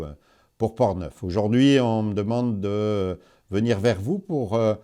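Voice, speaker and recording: A man with a northern French accent, a provincial politician introducing himself to viewers in a measured, reflective way. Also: sits low, mellow. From France, Nord-Pas-de-Calais. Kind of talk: personal self-introduction to viewers.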